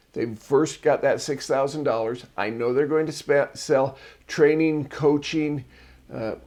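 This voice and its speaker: Male host of a marketing show with a mid-pitched voice, chatty and digressive, casual solo talk with personal anecdotes. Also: a little mellow.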